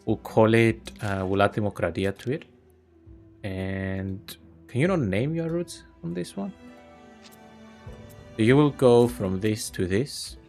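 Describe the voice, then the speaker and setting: In a low voice, a Greek-speaking man hosts a gaming video, casually commenting on gameplay. He's relaxed and unhurried, thinking out loud as he goes.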